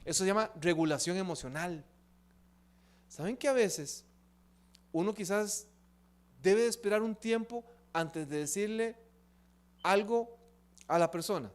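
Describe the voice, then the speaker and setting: A man's voice: high voice, unhurried, pauses often. A man from Latin America giving a church seminar talk, often asking the audience rhetorical questions. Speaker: seminar speaker. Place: church hall.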